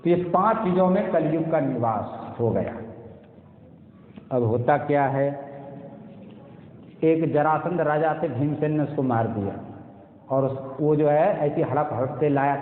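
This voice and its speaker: A man's voice: on the high side, a little slow. A man preaching a devotional story sermon in an explanatory way. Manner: explanatory, now and then chanting. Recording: tinny echoey hall sound.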